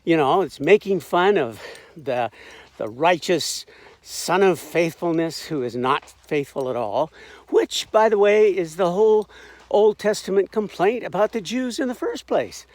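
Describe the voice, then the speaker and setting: A man's voice: sits high, lively intonation, measured pace, no echo. A man casually retelling a Bible story as a satire, irreverent and wry, with frequent asides and restarts. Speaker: informal Bible commentator.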